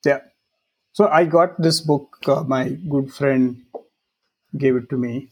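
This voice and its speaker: A middle-aged man from Maharashtra, a native Marathi speaker with a Marathi Indian accent, chatting casually in a halting way and often checking in with "right?". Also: mid-range voice, husky. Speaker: podcast participant. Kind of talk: casual chat.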